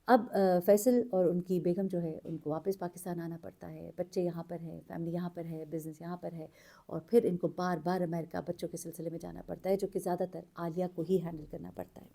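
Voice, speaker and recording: Dark-voiced woman telling a true story. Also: fairly low pitch, level tone, vocal fry. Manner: earnest, unhurried, with filler pauses. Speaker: storyteller host. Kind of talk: casual true-story narration.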